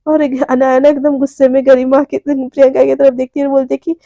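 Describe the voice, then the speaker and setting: A woman's voice: high voice, flat delivery, fairly quick, dark tone, no echo, dull audio. A woman telling a love story in a casual, chatty narration.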